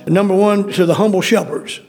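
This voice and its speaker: A man's voice: high-pitched, a little fast, darkish tone, soft background music. A man preaching a sermon, reading scripture aloud and breaking in with plain, folksy asides to explain it. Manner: reads verses then comments in plain folksy asides.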